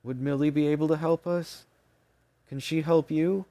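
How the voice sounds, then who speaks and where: A man's voice: on the high side, steady tone, normal speed, mellow, pitched above the performer's own voice, lightly acted. A man reading an audiobook, voicing an anxious, tearful young woman who pleads urgently. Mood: pleading.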